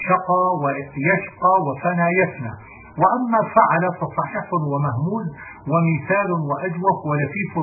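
A man reading a classical grammar text aloud in a steady recitation, sometimes correcting himself mid-word. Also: fairly high pitch. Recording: tinny phone-like audio with faint hiss.

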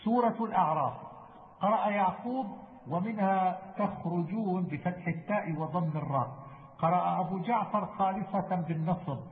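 A man teaching Quran readings, chanting rhymed verse slowly and then listing each reading in a brisk, measured delivery. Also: high voice. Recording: echoey hall, tinny phone-like sound.

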